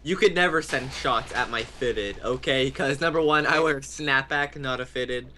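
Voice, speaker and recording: A man bantering during a game, teasing his friends and breaking into excited shouts. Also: medium pitch, normal speed, a little hiss or hum. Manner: teasing, jokey, bursts into shouts. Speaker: gamer co-host. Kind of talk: casual gaming banter.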